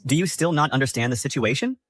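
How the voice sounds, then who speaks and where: A man's voice: medium pitch, animated, fast, lightly acted. An actor playing an arrogant, sneering young nobleman, the prime minister's son, in a dubbed drama. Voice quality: sneering, boastful, turns pleading. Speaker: villain.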